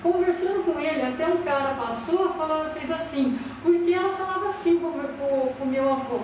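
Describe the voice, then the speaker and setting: Chatty high-voiced Brazilian woman medium. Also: brisk. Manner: chatty, acts out quoted dialogue in anecdotes. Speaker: spiritualist medium interviewee. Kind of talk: casual interview storytelling. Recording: roomy, distant mic with background noise.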